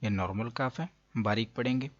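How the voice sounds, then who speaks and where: A man teaching the pronunciation of Arabic letters in a lesson, pausing to stretch out each letter sound. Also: mid-range voice, no room sound, muffled recording. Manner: patient, drawn-out letter demonstrations.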